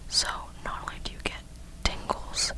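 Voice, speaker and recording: A young adult woman speaking in a breathy, unvoiced whisper, rambling casually in slangy ASMR style. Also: moderate pace. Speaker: ASMR creator.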